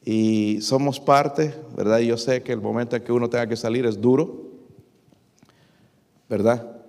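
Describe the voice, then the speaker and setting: A middle-aged preacher addresses his congregation in a big church, his unhurried, steady voice darkish with vocal fry. He reads verses aloud with mounting pitch and force, poses many rhetorical questions, and refers to his listeners as brothers.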